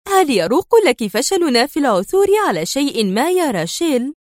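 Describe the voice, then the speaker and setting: A woman's voice: sits high, big pitch swings, fairly quick, dry recording, clean studio sound, voice pushed up. A woman voicing a cold, ruthless female gang boss who speaks harshly and sternly in a dramatized novel reading. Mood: suspicious.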